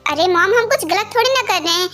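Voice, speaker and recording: बहुत ऊँची आवाज़ में बोला गया एक ख़याल रखने वाला, रक्षक युवा प्रेमी, जिसे एक महिला डब करती है। वह मनाने और समझाने वाले नरम लहजे में बोलता है। पीछे हल्का संगीत है।. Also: female voice, extremely high pitch, animated, fast, pushed and bright, faint music behind, exaggerated voice. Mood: reassuring. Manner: soothing, pleading. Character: caring young man, protective boyfriend. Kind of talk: amateur fan dub.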